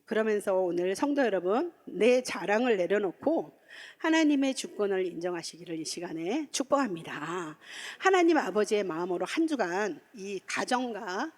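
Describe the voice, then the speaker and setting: A woman preacher giving a heartfelt, emotional sermon in a church, telling stories warmly. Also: mid-range voice, normal speed. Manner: animated, emotional, heartfelt storytelling. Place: church sanctuary.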